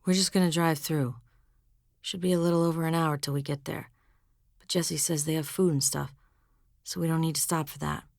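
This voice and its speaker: A woman's voice: deep voice, steady tone, normal speed, vocal fry, pauses often, no echo, clean studio sound. A woman voicing a concerned, easygoing young man checking on his sister.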